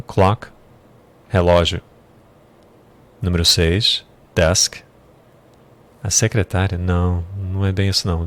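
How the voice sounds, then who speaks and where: A man teaching English vocabulary in a casual lesson, thinking aloud and correcting himself as he goes. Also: low voice. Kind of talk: casual screen-share lesson.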